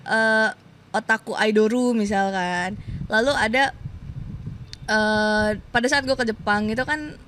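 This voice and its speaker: A woman's voice: on the high side, unhurried, a bit bright, slight background noise. A woman in her thirties, a podcast guest, chatting casually and acting out the voices of people in her stories, laughing often.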